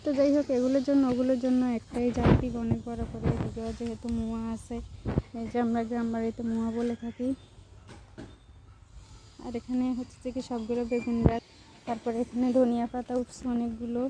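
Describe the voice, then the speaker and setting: A young Bangladeshi woman chatting to her viewers while she works in her village garden, rambling and casual, sometimes slow and soft. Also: fairly high pitch, flat delivery, background noise. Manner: speaks slowly and softly on purpose at times. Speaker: village vlogger. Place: outdoors in a village vegetable garden.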